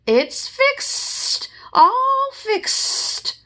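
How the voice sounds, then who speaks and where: A woman's voice: extremely high pitch, big pitch swings, extremely slow, pushed and bright, voice pushed up, full character voice. A woman voicing a busy, friendly male gopher handyman who whistles as he talks and repeats his words, in a storybook. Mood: chipper.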